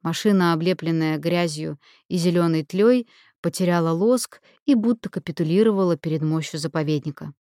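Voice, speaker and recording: Low-voiced woman reading an audiobook. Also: brisk, dark tone, no room sound, clean studio sound. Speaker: audiobook narrator. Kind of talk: audiobook narration.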